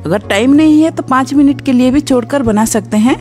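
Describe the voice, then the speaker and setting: Mellow-voiced woman explaining a recipe. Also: sits high, brisk, soft background music. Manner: calm step-by-step instructional. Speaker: cooking channel host. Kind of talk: recipe voice-over narration.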